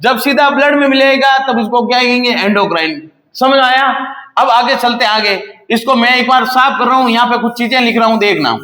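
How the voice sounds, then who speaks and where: A man teaching a class on video, with a slightly sore throat, who asks questions and answers them himself, repeating key slowly. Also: extremely high pitch, bright, forceful tone. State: slightly sore throat, clears it now and then. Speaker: paramedical teacher. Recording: echoey room.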